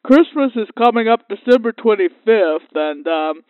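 A bawdy old Santa Claus rambles with cheerful obliviousness, as a woman puts him on. The voice sits high for an old man and comes through a tinny, dry phone line with no room sound. It is an improvised comedy podcast bit. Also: lively intonation, moderate pace, no echo, natural voice. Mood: jolly, rambling. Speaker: comedy guest.

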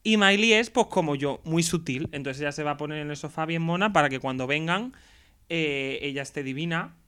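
A young man from Spain hosting a podcast, recapping a TV episode in casual, playful and expressive chat. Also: a little high, a little fast, clear, resonant tone. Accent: Spanish from Spain. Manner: playful, camp and expressive, acting out scenes. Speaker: podcast host.

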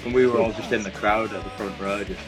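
A man's voice: lowish voice, fairly even intonation, fast talker, over music, low-quality recording. A man from a band talking through old gigs in a casual chat, steadily leading the story. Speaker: band member and co-host.

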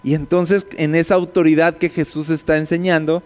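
A man gives a conversational sermon, breaking down scripture and tossing his listeners quick tag questions. His voice sits fairly high and sounds smooth and resonant. A long reverb from a large hall trails after his words. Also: level tone, a little mellow. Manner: explanatory, rhetorical tag questions. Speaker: preacher. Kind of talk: conversational sermon, Bible teaching.

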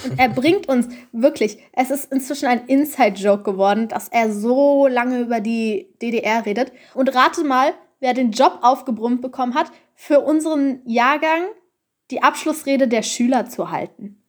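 Teenage girl, high pitch, lively casual storyteller from Germany. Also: normal speed. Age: teens. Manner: animated storytelling, acts out voices in anecdotes. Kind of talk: casual chat.

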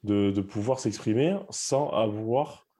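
A man's voice: on the low side, slow pace, dark tone. A young man, a rugby player, talking candidly in a casual chat with many restarts.

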